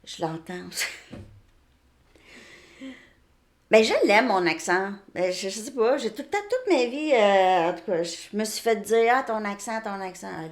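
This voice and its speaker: Chatty Québécois woman reading tarot. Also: on the low side. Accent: Québécois French. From Quebec. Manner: chatty, repeats "ok?" often, frequent restarts. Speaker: tarot reader. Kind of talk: casual tarot card reading. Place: home, outside Montreal suburbs.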